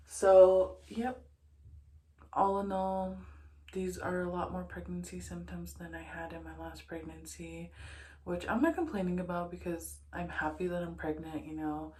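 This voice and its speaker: Young woman vlogging, kinda breathless, lowish voice, rambles w lots of ums, roomy echo. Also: darkish tone. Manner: chatty, rambling, with many fillers and restarts. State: short of breath. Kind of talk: casual chat to camera. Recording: echoey room.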